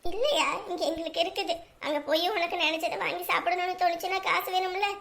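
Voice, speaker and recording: A middle-aged mother, acted by a woman fusses and pleads over her son in a motherly way. Her voice carries a gravelly texture. The delivery is earnest and insistent. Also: very high-pitched, steady tone, fast, fairly bright tone, exaggerated voice. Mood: pleading. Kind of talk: family drama acting.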